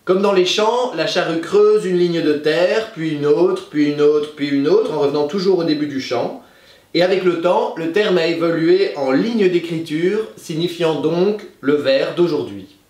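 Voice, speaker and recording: A man's voice: a little high, unhurried, a little mellow. A man acting as a goofy, eager sidekick in a lesson, answering with lists of words. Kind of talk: comic back-and-forth in a lesson. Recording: echoey room with faint music.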